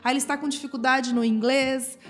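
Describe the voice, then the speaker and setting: A school nutritionist with a Brazilian Portuguese accent appears as a guest on a casual podcast. Her voice sits high, with a steady tone and a brisk pace, and she explains things step by step, often using tag questions.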